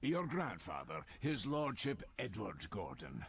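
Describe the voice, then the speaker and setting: A creepy old butler in a mystery game, speaks with stiff, menacing courtesy. His low voice moves very slowly and swings widely in pitch over faint noise. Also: huge pitch swings, vocal fry, soft background music, full character voice. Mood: formal. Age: older. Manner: creepy, slow, deferential formality.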